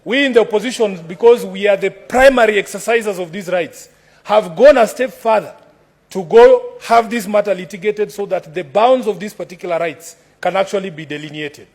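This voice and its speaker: A Kenyan man with a high-pitched voice speaks as an opposition senator in formal debate. His delivery is combative and declamatory, built on repeated formal addresses to the chair. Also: a little fast, darkish tone. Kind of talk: formal parliamentary debate speech.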